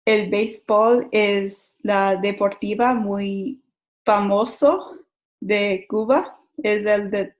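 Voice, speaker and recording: A young woman giving a school presentation, halting often and repeating words as she searches for them. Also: medium pitch, low-quality recording. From Mexico. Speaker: student giving a class presentation.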